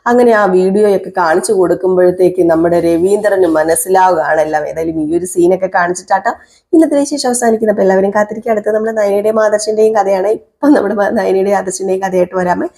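A woman narrating the story of a TV serial episode, chatty and talking straight to her viewers. Her voice has a mellow, warm tone. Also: medium pitch, fairly even intonation, fast. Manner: chatty, addresses viewers directly.

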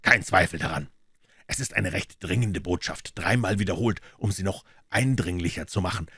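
A man voicing a calm, incisive male master detective in a measured, deliberate way. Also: sits low, husky, no room sound, studio quality, full character voice.

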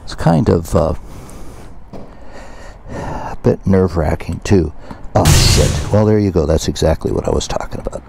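A man's voice: low voice, normal speed, vocal fry, pauses often, background noise. A man giving casual running commentary while he fuels his motorcycle outdoors at a fuel station. He talks in a wry, self-mocking way, full of chatty asides. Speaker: motorcycle vlogger.

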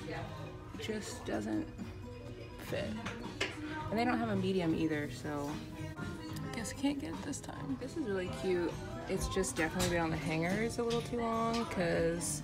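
Young woman vlogger, mid pitch, casual and gushy, phone-mic fitting room feel. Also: lively intonation, normal speed, pauses often, loud music behind the voice. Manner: chatty, gushing, lots of "like". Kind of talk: casual shopping vlog. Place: fitting room in a clothing store. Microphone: phone held in hand.

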